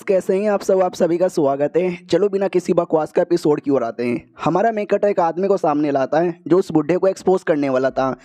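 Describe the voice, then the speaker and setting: A man's voice: sits high, dark tone. Chatty young man retelling a story. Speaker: narrator of comic recaps. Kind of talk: casual story recap.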